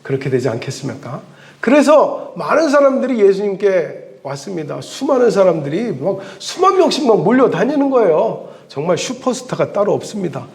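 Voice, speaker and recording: Preaching from the pulpit, a male pastor recounts the story with lively delivery and dramatic pauses. His voice is high-pitched, with vocal fry.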